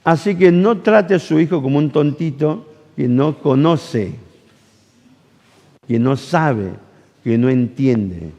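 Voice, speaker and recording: Argentine pastor in a reverberant hall. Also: male voice, fairly high pitch, takes it slowly, long pauses. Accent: Argentine Rioplatense Spanish. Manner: animated storytelling, acts out dialogue, asks the audience questions. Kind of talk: sermon with personal anecdote. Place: church camp hall.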